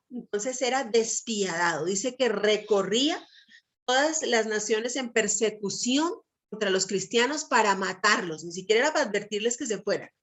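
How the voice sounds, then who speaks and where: A middle-aged woman with a somewhat high, slightly bright voice gives a Bible teaching talk with emphatic conviction. She keeps tossing short tag questions to her listeners to check that they're following.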